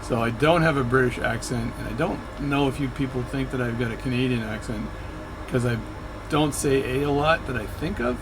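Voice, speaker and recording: Fairly quick and medium in pitch, this flight sim video creator's casual narration meanders through his session, with regular mid-sentence self-corrections. There's some noise behind him.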